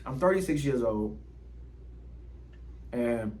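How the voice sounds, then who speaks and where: Talking slowly to the camera with lively intonation, a man in his thirties runs his own YouTube channel indoors under ring lights. His mid-range voice is a little mellow, the audio is poor, and his casual delivery is slangy, profane, rambling, and full of fillers.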